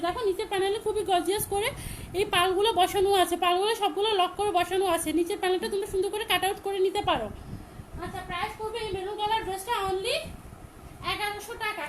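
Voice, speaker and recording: Loud, fast woman selling dresses live. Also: a little hiss or hum, poor audio. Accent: Bangladeshi Bengali. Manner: loud, repetitive sales pitch. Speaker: online shop seller. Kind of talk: live-stream product selling.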